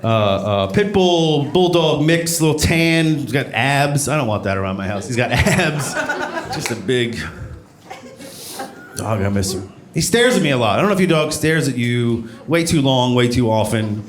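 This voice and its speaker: A man performing observational stand-up comedy, telling stories in an animated way and acting out exchanges. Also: medium pitch, moderate pace, crowd noise. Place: live comedy show before an audience. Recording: echoey room, clear background noise, live audience.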